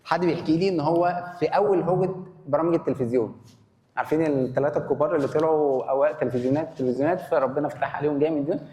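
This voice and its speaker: Animated man lecturing in an echoey hall. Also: on the high side, very fast. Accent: Egyptian Arabic. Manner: animated, asks the audience questions and answers them. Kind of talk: conference talk. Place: conference hall. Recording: echoey hall, faint noise.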